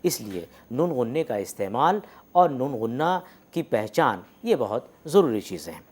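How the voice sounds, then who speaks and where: Lively-voiced male lecturer. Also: mid-range voice, husky. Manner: explains slowly with many hesitations and demonstrated sounds. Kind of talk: academic lecture on script and pronunciation.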